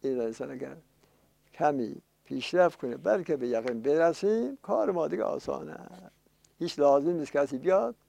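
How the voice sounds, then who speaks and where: An older man, a cleric, preaching a religious sermon, reciting quoted passages slowly and explaining them with emphatic, rising lists. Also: on the high side, animated, gravelly, dark tone, no room sound. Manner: slow emphatic recitation of Arabic, then explaining in Persian. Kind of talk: religious sermon with Arabic quotations.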